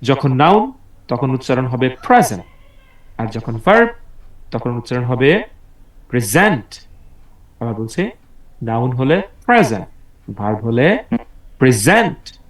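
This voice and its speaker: A man's voice: mid-range voice, sing-song, normal speed. A man teaching an online English class over a video call, patient and encouraging as he drills words aloud. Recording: roomy, distant video call audio.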